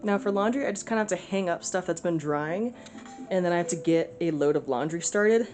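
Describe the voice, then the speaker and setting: A woman's voice: lowish voice, a little fast, a little mellow, soft background music. A young woman chatting casually through her day at home for a vlog, rambling with lots of fillers. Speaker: vlogger.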